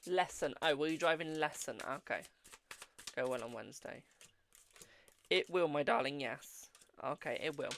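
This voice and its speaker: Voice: mid-range voice, moderate pace, pauses often, a bit bright, a little hiss or hum. A British fortune teller chatting casually with viewers on a live stream and giving readings, addressing them as darling.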